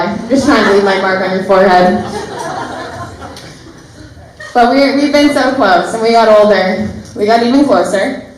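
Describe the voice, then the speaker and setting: A young woman, the maid of honor, giving a heartfelt, giggly wedding toast, close to tears at times. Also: mid-range voice. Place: wedding reception hall. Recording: echoey reception hall.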